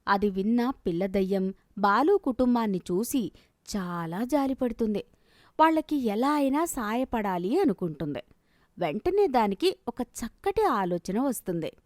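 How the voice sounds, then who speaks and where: A woman narrates a storybook cartoon in a calm, steady way. Her voice sits a little high, and the recording is dry and close. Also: measured pace, dry recording.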